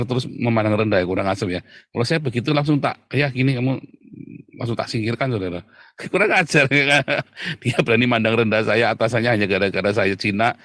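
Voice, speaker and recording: A man preaching a sermon in a lively way, often turning to address the congregation directly. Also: lowish voice, no room sound, clean studio sound. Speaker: pastor.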